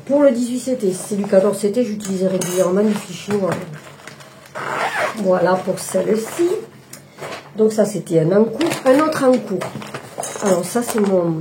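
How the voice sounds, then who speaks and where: Hesitant woman showing her stitching, gravelly. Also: medium pitch, background noise. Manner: hesitant, many fillers and restarts. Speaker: embroidery vlogger. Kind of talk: casual show-and-tell chat.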